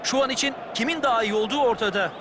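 A man's voice: very high voice, rapid-fire. A man giving analysis as co-commentator during a football match. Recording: loud stadium crowd noise behind. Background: stadium crowd.

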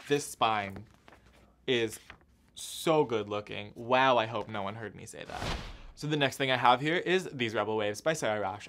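A man's voice: mid-range voice, a bit bright. A young man hosting a casual book haul vlog, chatty and upbeat, cracking self-mocking jokes while filming alone indoors. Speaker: book vlogger.

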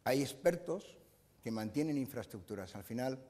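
An older man lectures to a room, talking in a mellow, dark voice and filling his pauses with "eh". His speech rings with the long reverb of a lecture hall. He is recorded on a lapel mic. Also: medium pitch, lively intonation. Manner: explanatory, frequent "eh" fillers and restarts. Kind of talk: conference talk.

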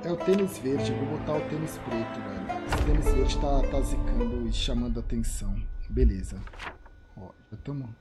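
A man's voice: medium pitch, moderate pace, loud music behind the voice. A man with a Brazilian Portuguese accent giving slangy live commentary while he plays, thinking aloud and repeating short phrases. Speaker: game streamer.

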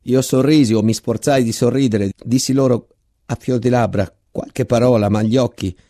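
A man giving an intense, measured dramatic reading of a literary text, repeating words for effect. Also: medium pitch, steady tone, dark tone. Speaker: reader.

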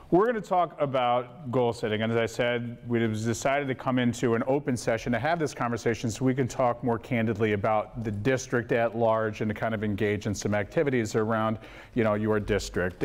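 Loud booming man with a teacher's voice. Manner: gets louder when animated, asks the room questions. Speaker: workshop facilitator for a school board. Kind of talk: interactive presentation to a meeting. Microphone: lapel mic.

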